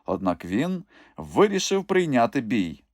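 A man reading a storybook aloud, expressive and dramatic. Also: mid-range voice, a little slow, dry recording. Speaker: audiobook reader. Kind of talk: storytelling narration. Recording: dry close studio recording.

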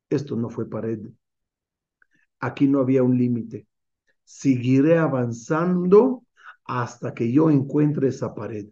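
A man's voice: mid-range voice, warm tone, lo-fi sound. A man teaching as a rabbi in an online class, driving his points home with many rhetorical questions. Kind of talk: Torah class over video call.

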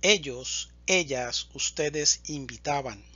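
Slow, bright-voiced man drilling verbs. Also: medium pitch, husky, dry recording, dull audio. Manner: deliberate, enunciates each word. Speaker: Spanish teacher.

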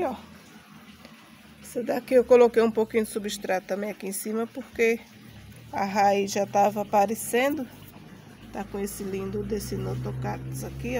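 A woman's voice: on the high side, a little mellow, a little hiss or hum. A Brazilian Portuguese-accented woman chats casually while showing things outdoors in a vlog, her voice affected by recovering from a bad flu. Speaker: gardening vlogger. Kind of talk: casual chatty show-and-tell. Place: outdoor home garden.

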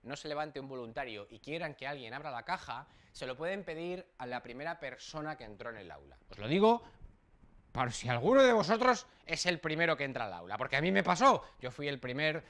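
Lively Spanish tutor with a higher voice. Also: male voice, brisk. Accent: Spain Spanish. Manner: lively, acts out quotes, casual swearing. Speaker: exam prep tutor. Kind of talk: humorous pep talk to students.

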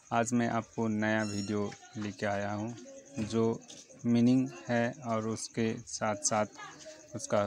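A man teaching vocabulary, spelling each word out letter by letter and repeating it, recorded on a handheld phone in a roadside shop. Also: fairly low pitch. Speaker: YouTube teacher. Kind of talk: vocabulary lesson. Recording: noisy roadside with traffic. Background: passing motorbikes and a child shouting.

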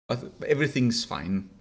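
Wearing headphones in webcam view, a young adult from Italy chats and jokes on a stream from a small room at home. He speaks with an Italian accent in a mid-range, slightly bright voice, often fumbling his words.

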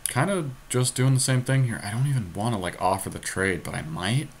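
A man with a fairly low, gravelly voice co-hosts a podcast, casually thinking aloud as he plays and comments on an online card game at normal speed. The amateur home recording carries noticeable background noise.

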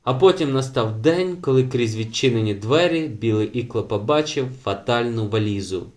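A man narrating a novel as an audiobook in a measured, steady reading manner. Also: mid-range voice. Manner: measured, slows for chapter titles.

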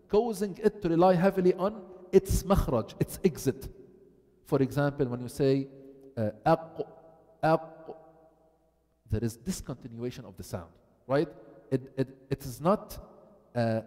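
Man, tajweed teacher, dark tone, reverberant hall, asks and answers his own questions. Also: medium pitch. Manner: explains, then asks the class questions and answers them. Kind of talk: classroom lesson, switching between English and Arabic.

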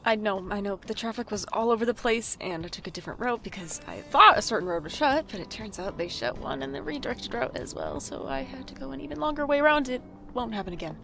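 A woman voices a wry, hapless, anxious twenty-five-year-old nonbinary slacker who narrates and speaks dialogue in an audio drama, with music underneath. Her full character voice is creaky, fairly high, animated, pushed and bright. The tone is apologetic and self-deprecating, with dry asides, and she gets flustered when rushed.

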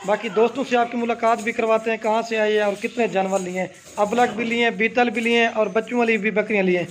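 A man's voice: high-pitched, steady tone. A middle-aged man with a Punjabi Pakistani accent who hosts a casual goat farm sales video, talking in a chatty, repetitive, promotional way. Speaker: goat farm owner and host. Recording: loud farm noise behind.

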